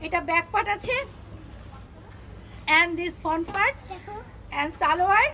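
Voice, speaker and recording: A young woman selling clothes on a live stream, pitching each dress with pushy repetition and English words mixed in. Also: lively intonation, takes it slowly, pushed and bright. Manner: repeats phrases, pushy upbeat selling, mixes English words. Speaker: online clothing seller.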